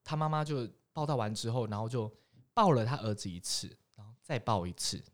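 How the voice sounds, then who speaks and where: Lively man telling stories. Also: medium pitch, brisk. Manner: animated, laughs often while telling stories. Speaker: former airport ground staff, podcast guest. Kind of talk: casual podcast chat, storytelling.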